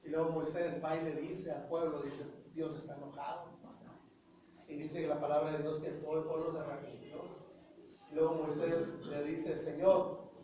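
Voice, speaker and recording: A man's voice: a little high, flat delivery, normal speed, mellow, slight background noise. A man with a Mexican Spanish accent preaching a sermon in a church, emphatic, often calling out to his listeners and asking them questions. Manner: emphatic, repeats "hermanos", asks the congregation questions. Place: church hall. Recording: very echoey church hall from far off.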